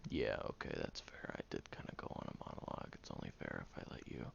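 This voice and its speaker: Grudging in mood, a man uses a full character voice to play a brash, defensive young man who secretly cares, speaking in a low, gravelly tone. His one-sided roleplay dialogue to the listener comes out blunt and halting, with grumbling and sighing, recorded at home with a dull sound and faint noise.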